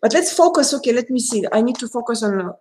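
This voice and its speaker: Speaking fast in a high-leaning, slightly mellow voice, a woman hosts a live stream as a tarot reader. She is a native Russian speaker with a Russian accent, and she chats casually, calls viewers by name, and laughs a lot.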